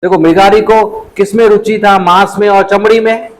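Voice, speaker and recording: A man giving a storytelling sermon to a youth class, a lively storyteller who acts out his characters. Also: high voice, moderate pace, slight background noise, poor audio.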